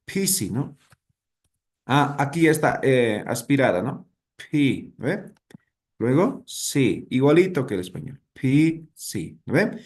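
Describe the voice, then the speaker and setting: A man's voice: medium pitch, a little mellow. A man teaching a language class, patient, often checking in with his students.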